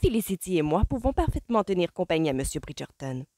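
A woman's voice: lowish voice, sing-song, fast talker, mellow, dry recording, studio quality. Overbearing middle-aged mother, insistent, irritated under politeness, read by a woman. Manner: insistent, poorly hidden irritation. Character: fussy overbearing society mother, Madame Farrington.

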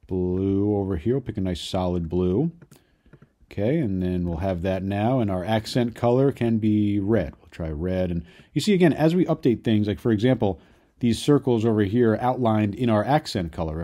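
A young adult man walking viewers through a software tutorial in an upbeat way, often tagging his sentences with "right?". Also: on the low side. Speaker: online business course creator. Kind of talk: screen-share software tutorial.

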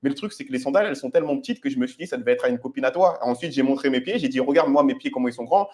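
A quick-talking man, speaking at a middle pitch. He coaches viewers directly and often checks that they are following. His delivery is instructive and confident. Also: a little mellow. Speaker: dating coach. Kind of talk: commenting on his own street footage.

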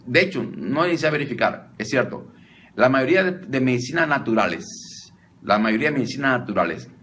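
A man's voice: medium pitch, a bit bright, slight background noise. A man teaching on deliverance in an informal, conversational way, often repeating himself and calling his listeners brother. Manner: repetitive, addresses listeners as brother, frequent restarts. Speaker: deliverance preacher.

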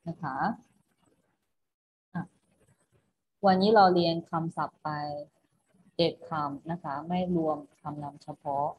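Speaking slowly and pausing often, a woman with a lowish, darkish voice and a steady tone gives an online class. She patiently repeats each instruction and ends every phrase with a polite particle. The audio is muffled and carries faint noise.

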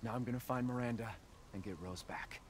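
A man's voice: medium pitch, a little fast, background noise, close to an everyday voice. A man playing a determined young father in a video game, with an earnest and defiant delivery.

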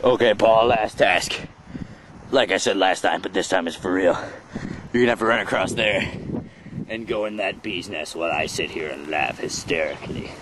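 A man behind a handheld camera outdoors, bossing a friend through silly tasks and yelling excitedly at times. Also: sits low, moderate pace, noisy background. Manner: bossy and joking, breaks into excited yelling. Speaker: camera operator giving tasks. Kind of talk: goofy home-video comedy. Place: outdoors in a neighborhood.

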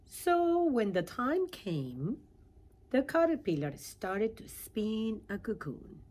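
A middle-aged woman with a fairly high voice reads a children's storybook aloud with lots of animation. She uses dramatic pauses and asks her listeners questions along the way.

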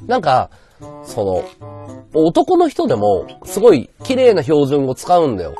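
A man's voice: fairly high pitch, wildly swooping pitch, measured pace, mellow, faint music behind. A man streaming live, chatting casually and answering his viewers' comments aloud. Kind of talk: casual livestream chat.

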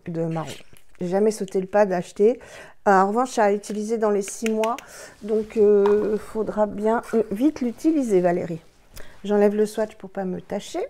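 A woman's voice: mid-range voice, mellow. A woman beauty vlogger casually unboxing and trying products, chatty and enthusiastic, who talks to herself by name. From France.

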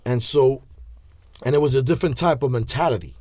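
A man's voice: medium pitch, a little fast, no room sound, studio quality. A man in his forties with a New York accent, telling stories in a casual interview, heavy on street slang and restarts. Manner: street slang, animated hand gestures, many restarts. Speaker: interview guest. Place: small studio with leather couch. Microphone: studio mic on stand.

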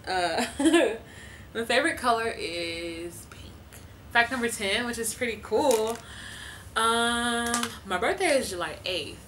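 A woman's voice: a little high, a bit bright, a little hiss or hum, poor audio. A woman in her twenties chatting casually to camera from her living room, talking loosely with lots of fillers and laughs. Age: 20s. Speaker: vlogger.

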